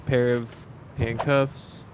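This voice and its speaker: A man's voice: medium pitch, flat delivery, drawn-out words, background noise. A man in casual, teasing chat with friends during a video game. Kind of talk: casual group gaming chat.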